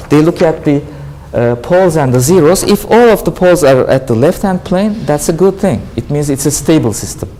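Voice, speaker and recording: A university lecturer with a Turkish accent, a native Turkish speaker, giving a classroom lecture and often asking questions, then answering them himself. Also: male voice, fairly high pitch, mellow, rough recording. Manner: explanatory, asks and answers his own questions. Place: lecture hall.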